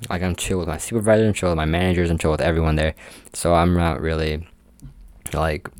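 A man's voice: low voice, steady tone, quick pace, a little mellow, smooth, dry recording. A young man telling a work story in a casual, rambling way, full of "like" fillers. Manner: rambling, heavy use of "like" fillers. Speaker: amusement park game attendant.

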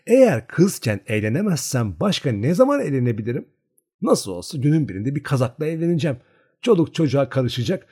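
A man's voice: medium pitch, darkish tone, slightly rough, voice pushed up. A man reading aloud, voicing a bold, playful young peasant girl who teases and coaxes her friend. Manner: playful, coaxing, mischievous.

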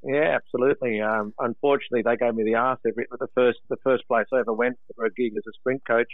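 An Australian sprint coach, a guest in a casual phone interview, talks in a plain, colloquial, matey way. His mid-range voice keeps a steady tone at a quick pace, with no room sound, over a tinny phone line.

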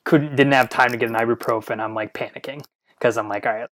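A man's voice: medium pitch, steady tone, fast, a bit bright. A young man co-hosting a casual podcast chat, rambling through a story with lots of "like". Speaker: podcast co-host.

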